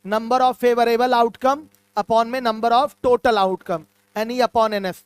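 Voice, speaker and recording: Male math tutor, patient and repetitive, smooth voice, dry close recording. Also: very high voice, dry recording. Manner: patient, repeats key terms, calls students "my children". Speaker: math teacher. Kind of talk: online class lecture.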